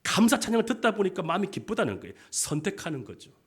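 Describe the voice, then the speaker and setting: A male senior pastor preaches with passion in a high, very animated voice, speaking fast with a breathy edge. He asks the congregation questions and has them repeat after him in call-and-response fashion.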